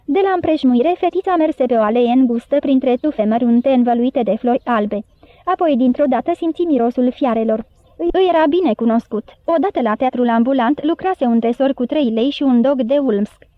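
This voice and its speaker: Woman narrator, storybook reading, high voice, thin phone-like sound, dry. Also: no echo. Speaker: audiobook narrator.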